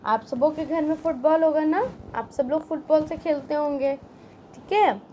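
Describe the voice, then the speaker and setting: A woman's voice: high voice, moderate pace, warm tone, dull audio, slight background noise. A woman teacher giving a children's reading lesson, asking simple questions and spelling words out patiently syllable by syllable.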